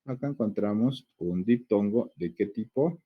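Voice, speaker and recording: A man with a Peruvian Spanish accent walks through a grammar lesson step by step, often pausing to ask questions and stretching words out slowly to sound out each syllable. His voice is fairly low, expressive and husky, and the audio is narrow and tinny.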